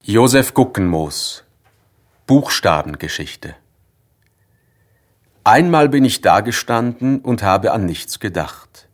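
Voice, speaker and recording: A man reading a playful children's story aloud with expressive storytelling. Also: fairly low pitch, slow pace, pauses often.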